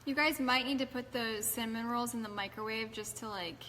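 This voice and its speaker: A woman's voice: a little high, steady tone, a little fast. A woman hosting a morning show, chatting casually off air with her crew in a large TV newsroom. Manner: easygoing, organizing the crew. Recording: reverberant newsroom with background noise.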